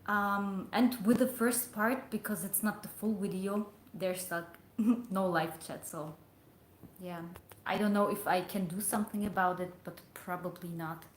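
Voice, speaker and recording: A woman's voice: medium pitch, fairly even intonation, measured pace, slight background noise. A young adult woman chatting casually on a livestream, rambling and hesitant with lots of fillers. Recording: echoey room.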